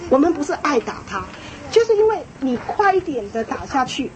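Woman w/ a high voice teaching a parenting class, lively, repeats stuff for emphasis, little laughs, faint noise behind. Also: brisk, rough recording. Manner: frequent small laughs. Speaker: parenting speaker. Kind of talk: lecture to an audience.

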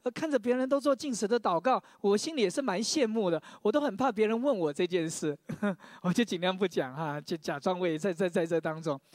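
A man's voice: high voice, a little fast, hardly any pauses, no room sound, studio quality. A man preaching a sermon, sharing his own testimony, often stammering over repeated words and leading the congregation in reading scripture aloud.

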